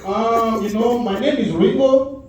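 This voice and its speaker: With a crowd audible in the background, a Cameroonian comic in his forties tells stories a little slowly in a very high-pitched voice and Cameroonian accent, acting out quoted voices with verve. The echoey audio from the comedy club stage is captured from a distance.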